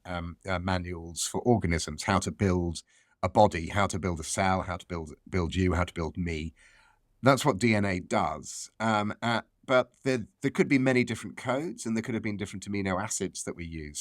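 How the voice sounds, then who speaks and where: Lowish-voiced male professor explaining, dry sound. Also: no room sound. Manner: measured, explanatory, repeats phrases for emphasis. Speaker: professor, expert guest. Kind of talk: conversational scientific explanation.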